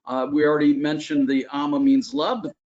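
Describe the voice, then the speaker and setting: A man's voice: fairly high pitch, level tone, fairly quick, darkish tone. Chatty man hosting a webinar. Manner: chatty, upbeat, many filler "uh"s. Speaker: webinar host. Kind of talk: casual webinar presentation. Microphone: video call. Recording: dull lo-fi online call audio.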